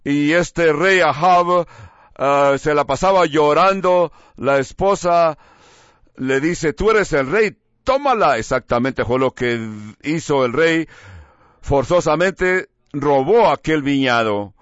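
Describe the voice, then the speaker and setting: A man's voice: fairly high pitch, fairly bright tone, smooth, no room sound, lo-fi sound. A man preaching a sermon, reading verses and mimicking what people say in mocking voices. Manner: slow, emphatic preaching with mocking voiced quotes.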